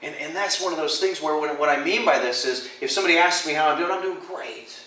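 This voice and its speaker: High, bright-voiced preacher in an echoey hall. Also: male voice, quick pace. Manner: animated, self-deprecating humor. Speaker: pastor. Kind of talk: sermon. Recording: echoey church hall, mic at a distance.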